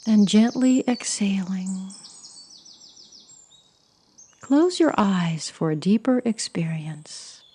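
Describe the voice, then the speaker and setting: A woman leading a guided meditation in a soft, soothing, breathy voice that often sinks close to a whisper. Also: medium pitch, slow, pauses often. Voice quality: breathy, husky.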